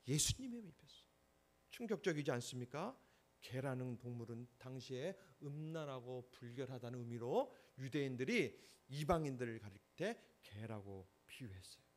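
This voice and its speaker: A man's voice: medium pitch, expressive, normal speed. A male pastor preaching a Sunday sermon, emphatic and often putting questions to the congregation.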